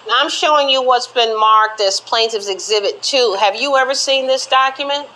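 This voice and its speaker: A woman's voice: on the high side, moderate pace, pushed and bright, rough recording. A woman TV court judge questioning people in a stern, authoritative manner.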